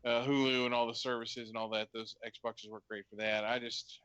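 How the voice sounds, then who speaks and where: A man with a bright, forceful voice chats casually on a podcast, recorded dry and close. He hesitates often and fills the pauses with ums. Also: mid-range voice, smooth, no room sound, highs cut off. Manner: relaxed, hesitant, lots of ums. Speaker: podcast co-host. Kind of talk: casual chat.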